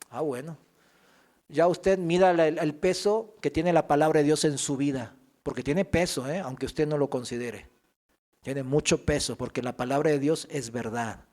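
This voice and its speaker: A man preaching a sermon as pastor, animated, acting out whiny voices for comic effect. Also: high voice. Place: church.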